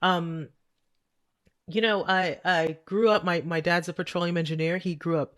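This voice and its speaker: A woman's voice: on the low side, smooth, no echo, studio quality. Earnest guest woman from Trinidad. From Trinidad and Tobago. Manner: animated, earnest, talks in quick bursts with restarts. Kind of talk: casual interview chat.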